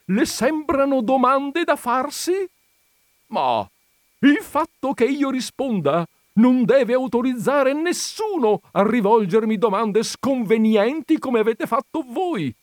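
A proud, easily offended noblewoman who writes for a society magazine, her voice pitched up and swooping with outrage, as a male narrator puts her on. She talks slowly and theatrically, every reply full of wounded pride, in a dry, close recording of a comic audiobook. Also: very animated, darkish tone, no room sound, full character voice. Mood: indignant. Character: haughty indignant noble lady columnist, proud and touchy. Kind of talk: audiobook reading of a comic story.

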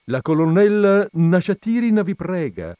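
Brief: man putting on a pompous older widow for a read-aloud story, high and lively, dry close sound. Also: normal speed, no echo. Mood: coaxing. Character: fussy indignant older widow, a colonel's wife.

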